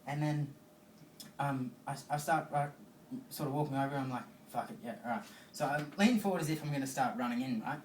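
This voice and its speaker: A man's voice: medium pitch, brisk. An Australian man doing a stand-up comedy set, telling a rambling story loosely, with fillers and swearing. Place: comedy venue stage. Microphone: phone recording from the audience. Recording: roomy, distant phone recording with faint noise.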